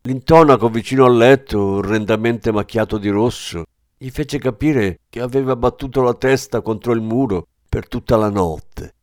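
A man reading a novel aloud as scripted narration, measured and steady. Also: mid-range voice, dry recording, studio quality. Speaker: audiobook reader.

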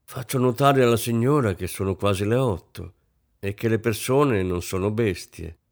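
A man's voice: on the low side, normal speed, vocal fry. A man voicing a tired maid who answers with stiff, resentful politeness. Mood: sullen. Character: tired, put-upon young maid.

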